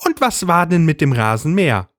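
A shrill, bossy middle-aged housewife from a storybook reading, convinced of a conspiracy and nagging her husband without pause, as a man puts her on. Her voice sits well above a man's and leaps about wildly. The sound is close and dry. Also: very animated, dry recording. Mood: indignant.

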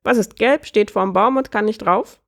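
A woman voicing a croaking, joke-loving male bird prince in a storybook reading, with a cheerful, joking manner. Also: mid-range voice, normal speed, pitched above the performer's own voice, close to an everyday voice. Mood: jokey. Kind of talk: storybook character voice.

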